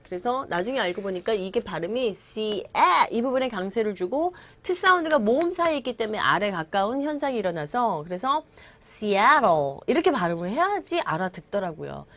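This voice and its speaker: A woman English teacher giving a classroom-style lecture. She explains patiently and reads each English example slowly and deliberately. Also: mid-range voice, sing-song, a bit bright. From Korea.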